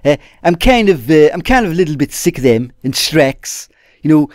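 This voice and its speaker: A man's voice: on the high side, sing-song, moderate pace, darkish tone, no room sound, clean studio sound. A man giving a casual spoken review to his viewers. He hesitates and restarts often and calls them "guys". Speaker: TV episode reviewer. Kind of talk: casual video review monologue.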